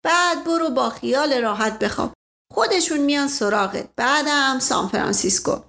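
A woman's voice: sits high, animated, creaky, a bit bright, heavily acted. A woman voicing a flirtatious, blustering middle-aged nobleman who talks theatrically and keeps exclaiming "momento". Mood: worldly.

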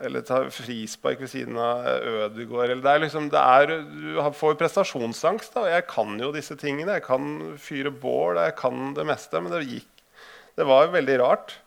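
A man with a gravelly, creaky voice at an ordinary middle pitch talks to an audience. He hesitates, fills pauses and restarts his sentences, then shifts into reading passages from his own book. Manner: hesitant, many filler sounds and restarts when speaking freely. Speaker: author giving a talk. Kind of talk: live talk mixing casual storytelling with reading aloud from his book.

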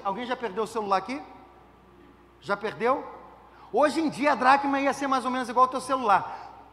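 A man's voice: very high voice, a bit bright, long reverb tail, a little hiss or hum. A man, a pastor preaching a conversational sermon full of rhetorical questions and humor. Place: church.

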